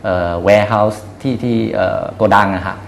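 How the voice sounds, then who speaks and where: A man in his thirties answering interview questions as a company guest, hesitant, often pausing and repeating words. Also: lowish voice, level tone, vocal fry, echoey room, a little hiss or hum. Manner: hesitant, frequent filler pauses and repeated words. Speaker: company executive being interviewed. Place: small indoor showroom office. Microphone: lapel mic.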